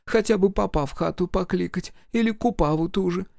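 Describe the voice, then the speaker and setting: A man's voice: sits high, a little fast, creaky, a little mellow, dry recording, clean studio sound, pitched above the performer's own voice. A man voicing a frightened peasant mother who pleads in folksy rural dialect, in an audiobook. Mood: fussing. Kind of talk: audiobook character voice.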